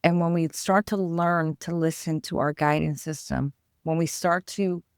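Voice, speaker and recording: A woman's voice: low-pitched, fairly even intonation, a little slow, a little mellow, clear, resonant tone, no room sound, clean studio sound. A woman with a New York accent, an author talking earnestly as a guest about spiritual growth. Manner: earnest, flowing, explanatory. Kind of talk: spiritual interview talk.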